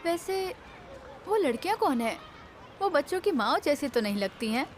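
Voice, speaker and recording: A high-pitched scolding young manager. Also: female voice, very animated, moderate pace, a little hiss or hum. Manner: scolding, indignant. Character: sharp-tongued young woman manager, protective. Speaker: studio manager. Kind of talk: Hindi dub of a TV drama.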